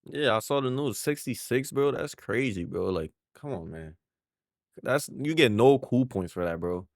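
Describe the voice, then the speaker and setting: A man's voice: mid-range voice, animated, moderate pace, no echo, studio quality. Slangy young man reacting, "bro" every line. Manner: slangy, says "bro" constantly, heated outbursts. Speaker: reaction video host. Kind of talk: casual reaction commentary.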